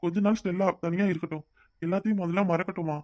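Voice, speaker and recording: Actor voicing a harried cartoon husband, hurried, pleading, extremely fast, dry studio sound. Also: male voice, sits high, fairly even intonation, dark tone, dry recording, lightly acted. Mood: earnest. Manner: hurried, pleading, scolding in turns. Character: harried husband, eager to please. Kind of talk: cartoon voice acting.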